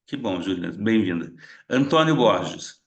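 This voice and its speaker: This facilitator of an online retreat gathering welcomes attendees one by one, briefly and by name, in a casual group call. He speaks at a measured pace in a lowish voice with wide pitch swings and some vocal fry, picked up through a video-call mic.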